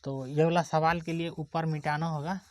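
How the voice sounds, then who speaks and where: A woman's voice: deep voice, flat delivery, moderate pace. A woman teacher giving a spelling lesson, sounding out words letter by letter and checking that the pupils follow. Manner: asks checking questions of the pupils. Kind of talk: classroom-style spelling lesson.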